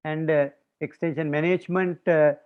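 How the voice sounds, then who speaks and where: Older man, Sri Lankan accent, native Sinhalese, fairly high voice, halting lecture delivery, dull lo-fi video call sound. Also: fairly even intonation, smooth. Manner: hesitant, frequent pauses with drawn-out uhs. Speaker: visiting lecturer and retired professor, guest speaker. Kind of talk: online conference lecture.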